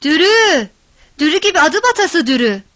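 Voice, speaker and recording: A woman doing a shrill village mother yelling. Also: expressive, normal speed, no echo. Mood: shouting. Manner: shrill scolding calls. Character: loud fiery village mother, shouting.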